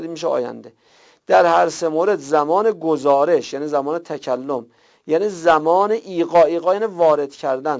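A male teacher explains grammar patiently, pausing to check understanding with rhetorical questions. His voice sits a little high and has a gravelly edge. The recording is dull and lo-fi. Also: darkish tone. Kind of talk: classroom grammar lecture.

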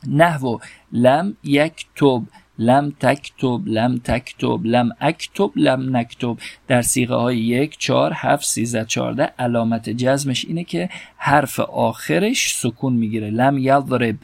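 Gravelly man teaching grammar methodically. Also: medium pitch, no echo. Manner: methodical, repeats examples slowly. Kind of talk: lecture explaining grammar.

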